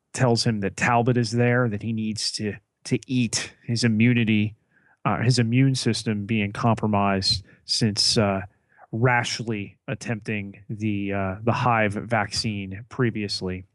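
A man co-hosting a podcast, recapping a TV episode in casual chat, halting with many fillers and restarts. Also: medium pitch, no room sound. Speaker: podcast co-host.

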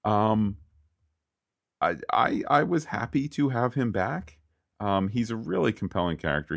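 Deep-voiced man on a podcast. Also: gravelly. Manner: animated, slips into mock quoted voices. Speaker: podcast co-host. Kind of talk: casual podcast chat.

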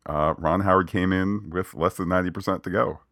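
A man's voice: low-pitched, steady tone, a little fast, fairly bright tone, dry recording, studio quality. A man co-hosting a casual film review chat who shares strong opinions in a playful way and often goes off on tangents. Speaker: podcast co-host.

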